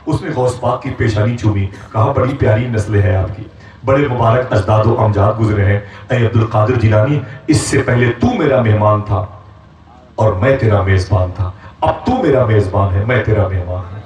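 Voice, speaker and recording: A man's voice: on the low side, darkish tone, dull audio. A man preaching a sermon in style, telling a story dramatically and acting out its characters with rising, impassioned delivery. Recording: echoey hall, speaker far from mic.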